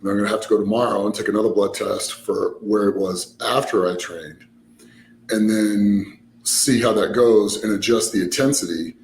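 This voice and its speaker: Low-voiced man, rambling, in a roomy space. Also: steady tone, moderate pace. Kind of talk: casual conversational storytelling. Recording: roomy echo, background noise.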